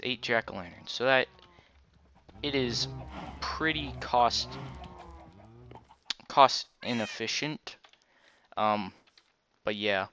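A man giving casual, halting, rambling gaming commentary while wearing a retainer that slightly affects his speech, recorded on a dull microphone. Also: mid-range voice, bright, forceful tone, a little hiss or hum. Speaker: gaming video host. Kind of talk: casual Let's Play game commentary.

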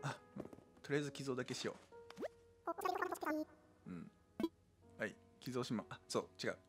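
A man's voice: mid-range voice, normal speed, loud music behind the voice. A man streaming a game live, chatting casually and rambling to himself and his viewers. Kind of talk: casual live-stream chat while playing. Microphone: desk microphone.

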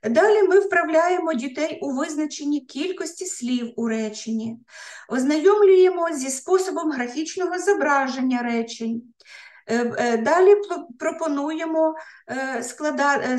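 A woman, an education researcher, lecturing teachers, pausing often on filler sounds and restarting words. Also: high voice, a little mellow. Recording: roomy echo.

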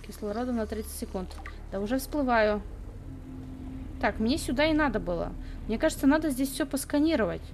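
A woman's voice: on the high side, lively intonation, brisk, noisy background. A young adult woman giving casual, playful live gaming commentary, half talking to herself and repeating words. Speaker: game streamer. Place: indoor room at a computer.

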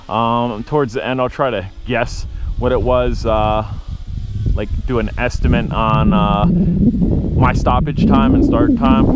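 Mid-pitched male hobby reviewer, loose rambling narration, open field with loud wind noise. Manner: rambling, talks while flying. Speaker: drone reviewer. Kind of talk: casual flight review narration. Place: open grassy field outdoors. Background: loud wind and outdoor noise.

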